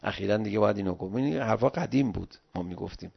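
A middle-aged man giving an animated, pleading religious talk in the style of a sermon, recorded on dull lo-fi audio. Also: fairly low pitch, vocal fry, slightly rough. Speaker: religious lecturer.

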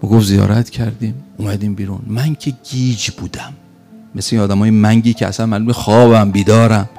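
A man telling a religious story as a preacher, animated and pausing for effect. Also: lowish voice, faint music behind.

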